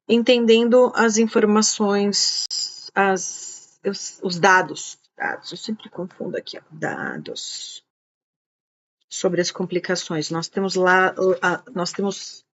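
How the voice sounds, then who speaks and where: Woman chatting on a live stream, low-ish voice, slow and easygoing, kinda dull lo-fi sound. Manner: chatty, warm greetings, thinking aloud with restarts. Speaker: diabetes educator hosting a live stream. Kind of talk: casual live stream, greeting viewers by name.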